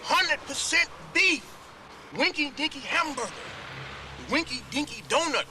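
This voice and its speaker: An actor playing an exasperated, boastful fast-food boss in a comedy film, emphatic and cajoling. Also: male voice, very high-pitched, lively intonation, pushed and bright, full character voice. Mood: proud, cajoling. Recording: film clip with noisy backdrop.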